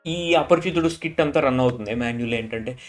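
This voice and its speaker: A man's voice: mid-range voice, fast. A man casually recapping a reality show episode. He drops his voice when he quotes people and keeps repeating filler tags. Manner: retells scenes, dropping his voice for quoted lines.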